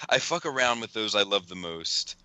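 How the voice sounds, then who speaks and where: Podcast guy rambling thru a story, laughs a lot, bright voice, dry close mic. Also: lowish voice, smooth, no room sound. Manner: rambling storyteller, laughs often, retells texts with swearing. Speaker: podcast host. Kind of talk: casual chat.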